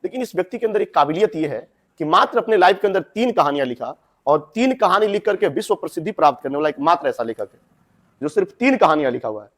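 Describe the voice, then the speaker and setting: Male teacher, young adult, chatty classroom explainer, fairly high voice. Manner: chatty, addresses students directly with asides. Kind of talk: explaining a Hindi story to students.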